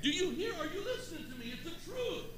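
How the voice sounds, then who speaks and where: A man's voice: extremely high pitch, sing-song, quick pace, crowd noise. An older man preaching a sermon to a congregation, calling out to them for answers and shifting between homely stories and fervent appeals. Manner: preaching with rising fervor, asks the congregation for responses. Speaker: pastor. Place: church sanctuary before a congregation. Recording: live church sound with long hall reverb.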